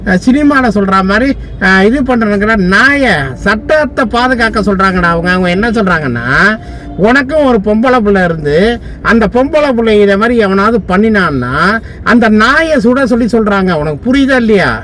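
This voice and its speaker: A man's voice: high voice, animated, normal speed, fairly bright tone, a little hiss or hum. A man from Tamil Nadu, a lawyer, delivering a furious, abusive political rant full of insults.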